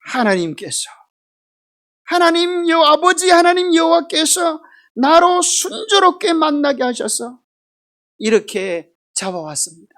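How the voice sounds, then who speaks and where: A woman voicing a sly younger son who speaks slowly in overly formal politeness. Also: very high voice, big pitch swings, fairly bright tone, voice pushed up, heavily acted. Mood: fawning.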